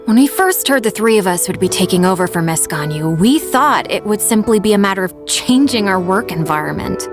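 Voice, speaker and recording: A woman's voice: medium pitch, animated, a little fast, few pauses, close to an everyday voice. A woman voicing a weary young clerk who grumbles about too much work. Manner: tired, grumbling. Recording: game audio with loud background music.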